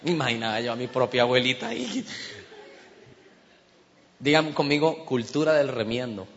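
A man's voice: medium pitch, lively intonation, moderate pace, fairly bright tone. A man from Colombia, preaching a sermon as humorous storytelling and asking the congregation questions. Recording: dull sound with long hall reverb.

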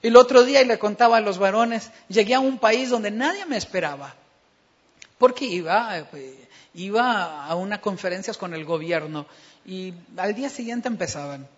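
A male pastor preaching a sermon with a dramatic delivery, acting out dialogues and building to loud, emphatic passages. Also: sits high, animated, normal speed. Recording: dull recording in a reverberant hall.

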